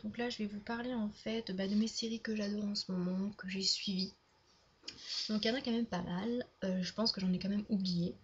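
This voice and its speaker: A young woman talks casually to camera, wandering from point to point with lots of fillers and restarts. Her voice stays flat and level, at a middle pitch. The sound is dull and lo-fi, with a faint hiss underneath. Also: brisk. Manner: rambling, full of fillers and restarts. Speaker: YouTuber. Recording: dull lo-fi home video sound.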